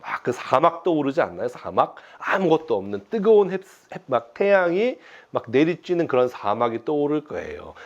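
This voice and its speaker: A man in his thirties, a pastor giving a lively children's sermon from his home, speaking to the kids with playful storytelling. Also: on the high side, moderate pace, hardly any pauses, dull audio. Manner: animated storytelling to children, acting out quotes.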